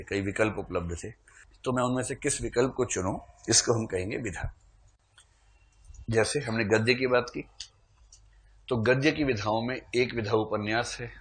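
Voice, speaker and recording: A man delivers a literature lecture at an ordinary mid-range pitch. He explains patiently and conversationally. He slips in humorous asides that draw a chuckle. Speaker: literature teacher. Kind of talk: classroom lecture.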